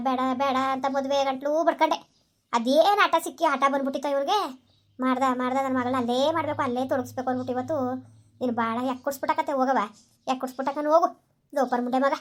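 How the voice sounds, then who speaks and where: A woman acting as a worried village mother in a hobby drama, talking fast and emotionally. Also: sits high, lightly acted.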